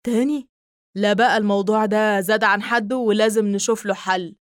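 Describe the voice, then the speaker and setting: A woman's voice: medium pitch, fairly even intonation, a little fast, clear, resonant tone, no echo, studio quality, natural voice. A woman with an Egyptian accent voicing a blunt young man who scolds his friend on the phone. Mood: alarmed. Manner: brusque, emphatic.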